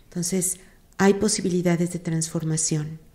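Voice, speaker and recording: Mexican woman, psychologist, mellow low voice, measured explanations. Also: steady tone. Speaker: psychologist and institute director. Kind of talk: interview.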